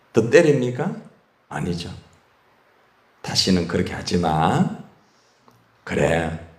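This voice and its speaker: A man preaches to his congregation, with a low voice that swings up and down. He keeps asking them short questions and waits for their answers. The sound rings around a roomy church sanctuary. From Korea. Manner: call-and-response questions to the congregation. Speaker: pastor. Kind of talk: sermon. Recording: echoey church hall.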